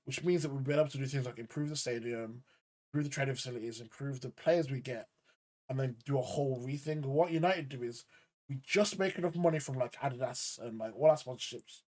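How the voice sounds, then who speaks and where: A man's voice: medium pitch, brisk, darkish tone. A man podcast host in a casual football debate, insistent, repeating himself to hold the floor and swearing casually.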